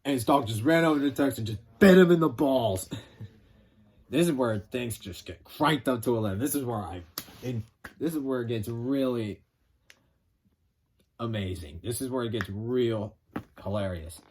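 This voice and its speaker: Rambling, animated male film reviewer. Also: medium pitch, moderate pace, pauses often, husky. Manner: rambling, animated, acts out quotes, swears. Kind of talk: casual movie plot retelling.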